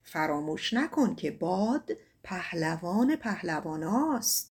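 A woman voicing the moon in a folk tale, speaking in a calm, lower voice as she gives directions. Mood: calm guiding. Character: wise moon, vizier of the fair ones.

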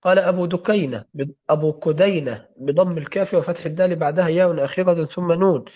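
Man, fast recitation, slightly high voice, lo-fi sound, lesson reading. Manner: fast, steady recitation of names and spellings. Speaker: student reading a classical text aloud. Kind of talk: reading and discussing a hadith-studies text. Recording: dull lo-fi recording.

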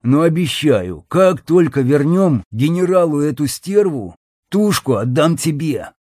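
A man's voice: on the high side, big pitch swings, unhurried, a little mellow, no room sound, studio quality, voice pushed up. A man reading an audiobook, voicing a coarse, jeering male gang boss. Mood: crude. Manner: crude, jeering.

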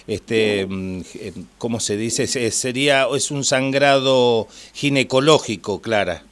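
A man hosting a radio interview, pausing as he searches for his words. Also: medium pitch, clean tone, no room sound.

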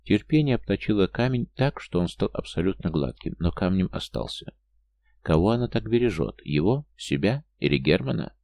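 Deep gravelly male audiobook narrator. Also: very animated, darkish tone, dry recording. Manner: measured, somber storytelling.

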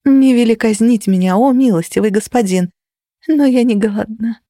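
A woman's voice: medium pitch, a little slow, dark tone, no room sound, clean studio sound, lightly acted. A woman voicing a sarcastic young heroine who mocks in a theatrical, servile tone in an audiobook. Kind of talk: audiobook character voice.

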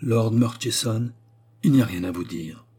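A man's voice: on the low side, measured pace, mellow, slightly rough. A man voicing a proud, frightened aristocratic young lady in an audiobook, giving defiant, clipped replies. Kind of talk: audiobook character voice.

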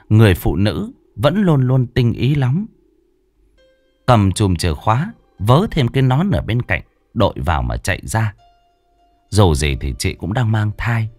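A man narrating an audiobook in an expressive storytelling manner. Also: lowish voice, dry recording.

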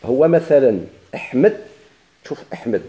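A man's voice: mid-range voice, lively intonation, a little fast, dark tone, reverberant, rough recording. A man with a Moroccan Arabic accent teaching a grammar lesson, asking questions and answering them himself with repeated examples.

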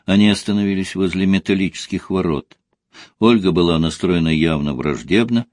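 A man reading a story aloud as narrator, in an expressive storytelling manner. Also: low-pitched, normal speed, dry recording, studio quality. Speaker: audiobook reader. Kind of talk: scripted narration.

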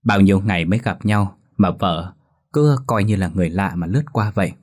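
A man narrating a scripted ghost story in a steady, even storytelling manner. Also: sits low, brisk.

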